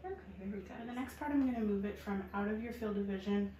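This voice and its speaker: A woman doing a soft-spoken ASMR role-play as a medical examiner, calm, reassuring and procedural. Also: mid-range voice, quick pace. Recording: roomy echo, faint background noise.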